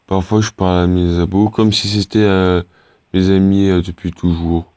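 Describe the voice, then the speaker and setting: A man's voice: low-pitched, little pitch movement, normal speed, mellow, clear, resonant tone, no room sound. A teenage boy chatting casually to his viewers while playing a game, rambling and hesitant, full of fillers and restarts. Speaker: gaming YouTuber. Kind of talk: casual gameplay commentary.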